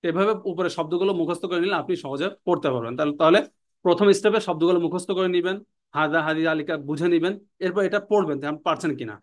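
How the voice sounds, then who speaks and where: Man drilling words in a language lesson. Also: a little high. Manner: repeats words and meanings slowly, drilling. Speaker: Arabic language teacher.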